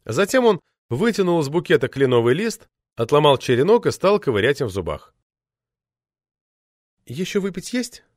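A man narrating a novel as an audiobook, reading in a measured, expressive way into a close mic. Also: fairly high pitch, no echo.

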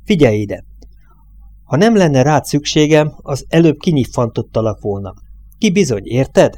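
A man's voice: medium pitch, very animated, mellow. A man voicing a domineering, coarse truck driver in an audiobook reading, pressing his nervous partner hard. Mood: bossy.

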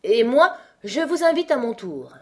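A woman reading an audiobook, voicing a muddled, fussy queen who rambles in gentle, dithering explanations. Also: high-pitched, very animated, measured pace, pitched above the performer's own voice, heavily acted.

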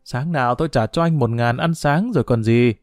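A man's voice: mid-range voice, a little fast, dry recording, faint music behind, close to an everyday voice. A man voicing a suspicious mother who speaks with dry sarcasm. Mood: sarcastic. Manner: dryly sarcastic. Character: sharp-eyed suspicious mother.

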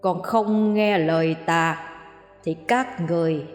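Woman doing a low mocking snake-headed demon. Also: slow pace, echoey room, in a large hall, soft background music. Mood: menacing gloat. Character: snake-headed demon general, cruel and gloating.

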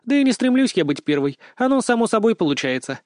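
A man voicing a lively, cheeky teenage granddaughter in an audiobook, with a bold, teasing way of talking. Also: high-pitched, fast, no room sound, clean studio sound, voice pushed up. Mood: sulky. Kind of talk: audiobook character voice.

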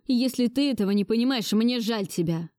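A woman's voice: on the high side, brisk, mellow, no room sound, clean studio sound, voice pushed up, lightly acted. Woman voicing a defiant angry grandson. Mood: resolute. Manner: bitter, resolute outbursts. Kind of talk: audiobook dialogue reading.

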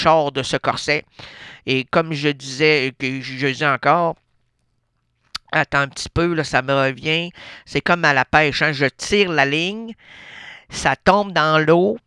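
A man's voice: mid-range voice, sharp tone, clear, resonant tone, no echo, studio quality. A man with a Québécois accent hosting a radio show, rambling through an absurd monologue full of wordplay and fillers. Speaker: radio host. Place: radio studio.

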